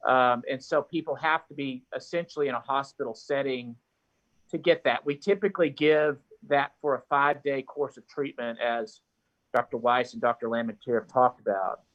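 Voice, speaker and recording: A man's voice: medium pitch, steady tone, normal speed, fairly bright tone. A man, a doctor, explaining treatments at a press briefing, often repeating words as he goes. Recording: dull lo-fi audio.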